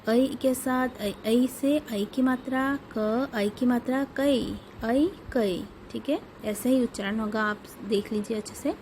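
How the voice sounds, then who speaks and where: A woman's voice: a little high, takes it slowly, few pauses, darkish tone, a little hiss or hum, rough recording. A woman teacher giving a lesson to young pupils, patiently repeating words and sounds for them. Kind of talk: online class lesson for children.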